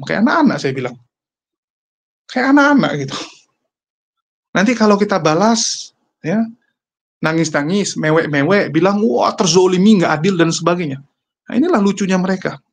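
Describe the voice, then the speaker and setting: A man giving casual, argumentative commentary to his viewers, mocking his opponents. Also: sits high.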